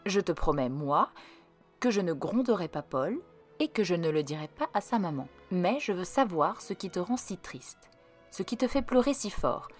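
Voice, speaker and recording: A woman voicing a gentle but firm mother who talks soothingly and moralizes. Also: on the low side, lively intonation, normal speed, faint music behind.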